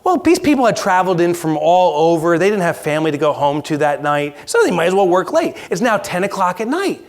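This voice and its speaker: A man giving a keynote talk, telling a story in an animated, self-mocking way and acting it out. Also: sits high, brisk, hardly any pauses. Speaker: keynote speaker. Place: large conference hall.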